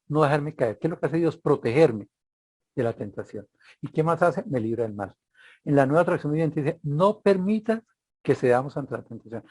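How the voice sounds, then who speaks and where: Male preacher, husky voice, dry close sound, sermon full of rhetorical questions. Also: fairly high pitch, darkish tone, no echo. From Colombia. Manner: rhetorical questions, frequent "¿verdad?".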